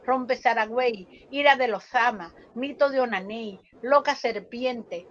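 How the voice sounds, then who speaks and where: Woman, higher voice, slow incantatory poetry reading on a dull lo-fi call line. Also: a bit bright. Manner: slow, incantatory, dramatic rises on repeated questions. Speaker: poetry reader. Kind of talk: slow dramatic poetry recitation. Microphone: video call. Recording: dull lo-fi online call audio.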